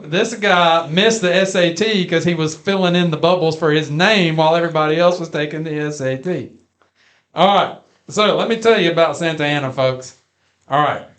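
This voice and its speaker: A man's voice: on the high side, fairly bright tone. A man co-hosting a podcast in casual chat, folksy and jokey, sometimes drawing out his phrases. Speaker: podcast co-host.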